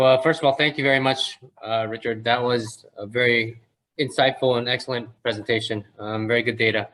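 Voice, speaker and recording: A man's voice: mid-range voice, pushed and bright, low-quality recording. A man moderating a webinar Q&A over a video call, politely thanking the speaker and reading out audience questions. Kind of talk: hosting a Q&A session.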